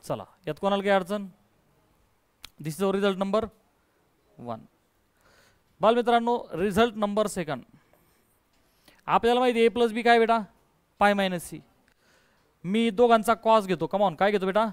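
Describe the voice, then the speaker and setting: High-voiced coaxing male math teacher. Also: measured pace, pauses often, smooth, dry recording. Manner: coaxing, quizzes students, calls them dear; mixes English terms into his speech. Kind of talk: classroom lesson, call-and-response.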